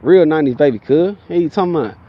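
A Georgia man in his thirties with a thick Southern accent, spinning a profane, slang-heavy story at an animated clip. His voice sits a little higher than most men's, and the recording is dull and lo-fi. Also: rapid-fire. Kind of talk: casual storytelling monologue.

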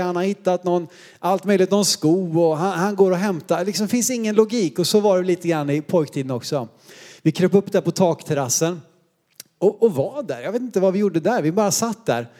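A man's voice: sits high, darkish tone. A man in his thirties from Sweden, preaching a sermon and telling funny, self-deprecating stories from his boyhood. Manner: humorous, self-deprecating storyteller. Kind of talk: sermon with personal anecdotes.

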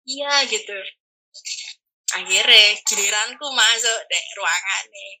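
Brief: young woman, East Javanese accent, very bright tone, animated casual storytelling. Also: fairly high pitch, normal speed, low-quality recording. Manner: animated, acts out quoted people. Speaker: guest telling her story.

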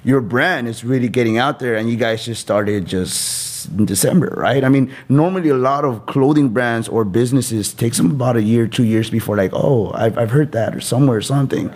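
A man in his thirties hosts a podcast interview in a casual, motivational style, rambling informally with some swearing. His mid-range voice is a little mellow and fairly quick, with few pauses.

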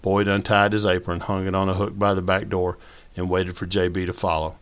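A man narrates a novel. His voice is deep and his telling folksy and measured. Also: little pitch movement, a bit bright. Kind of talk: audiobook narration.

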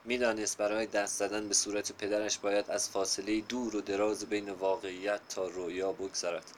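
A man narrating a literary story in a measured, unhurried reading style. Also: on the low side, little pitch movement, slight background noise.

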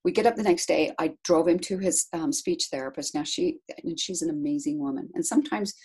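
Woman, middle-aged, low voice, husky, animated, casual storytelling. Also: brisk. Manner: chatty, animated storyteller who laughs often. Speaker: guest, caregiver to her husband.

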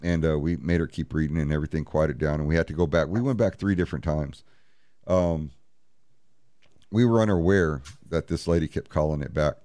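Deep-voiced blunt male storyteller. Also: brisk, dark tone, dry recording. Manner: blunt, profane, retells scenes with "he goes, I said". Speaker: paranormal investigator. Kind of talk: storytelling in a podcast interview.

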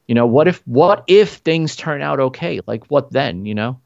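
A man's voice: mid-range voice, animated, moderate pace, vocal fry, darkish tone, dry recording, dull audio. A man talking in an earnest, motivational way in a casual podcast conversation, driving points home with repetition. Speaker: podcast guest.

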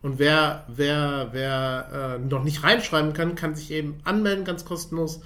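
A man's voice: fairly high pitch, steady tone, normal speed, bright, forceful tone. A man hosting a live stream talk, chatting to the viewers and inviting their questions. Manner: chatty, addresses viewers directly. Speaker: livestream talk host.

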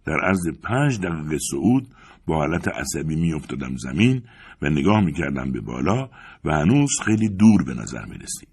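Husky deep-voiced male audiobook narrator. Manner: expressive, dramatic reading. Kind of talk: scripted narration of a novel.

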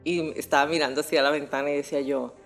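A young woman with a Mexican accent telling a personal story on a podcast in a casual, animated way, full of slang and swearing. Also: sits low, quick pace, faint music behind. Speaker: podcast host.

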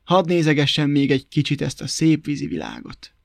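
A man voicing a sly, calm old toad who talks in a chatty, teasing and mock-innocent way in a storybook tale. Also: on the high side, creaky, dry recording, clean studio sound.

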